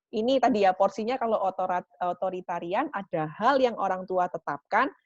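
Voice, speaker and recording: A woman's voice: medium pitch, no echo. A woman giving a parenting talk. She explains patiently and often closes her points with a short tag question. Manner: warm teaching tone with frequent "gitu ya" tags. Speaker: parenting speaker. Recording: dry, dull lo-fi recording.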